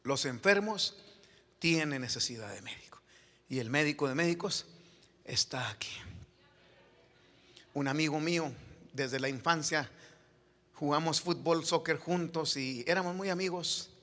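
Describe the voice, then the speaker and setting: A man, a pastor telling a story in his sermon that builds to shouted preaching. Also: a little high, measured pace, long pauses. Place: church sanctuary. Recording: echoey hall reverb.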